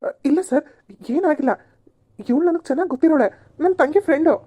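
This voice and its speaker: A woman's voice: mid-range voice, fast, mellow, no room sound, natural voice. A woman doing an exasperated cartoon young man. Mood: pleading. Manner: scolding, exasperated, pleading. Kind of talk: amateur cartoon voice acting.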